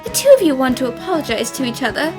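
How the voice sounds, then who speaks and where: A woman playing an excitable, theatrical young female detective in an overacted anime-style fan dub. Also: high-pitched, fast. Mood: explanatory. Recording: voice over faint music. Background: faint music.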